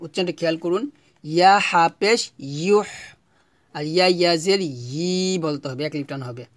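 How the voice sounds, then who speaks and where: A man teaching Quran reading, spelling out Arabic syllables one by one and repeating them for learners to follow. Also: high voice. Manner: slow, drawn-out syllable-by-syllable recitation, repeating for students to follow.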